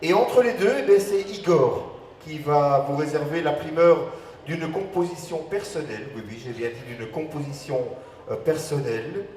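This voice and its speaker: A man's voice: fairly high pitch, expressive, moderate pace, a little mellow, a little hiss or hum. A man hosting a cabaret, making chatty, hesitant announcements from the stage. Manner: chatty, hesitant, repeats words as he goes. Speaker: cabaret master of ceremonies. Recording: echoey hall, slightly distant microphone.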